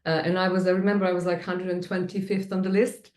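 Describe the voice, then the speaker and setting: Serbian-accented woman, low, echoey room. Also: level tone, fast talker, darkish tone. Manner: hesitant, many fillers and restarts, laughs easily. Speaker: guest, tech manager. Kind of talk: casual interview chat.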